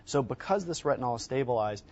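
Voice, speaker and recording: Fast-talking man pitching on home shopping. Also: animated, darkish tone. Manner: emphatic, repeats words for stress. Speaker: dermatologist product guest. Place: TV studio set, indoors. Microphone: lapel mic. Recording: slightly dull lo-fi broadcast audio.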